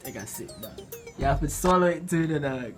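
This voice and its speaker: A man's voice: on the high side, lively intonation, fairly quick. A young man talking loosely and informally in slang during a quiz challenge between friends. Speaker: challenge video participant. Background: music.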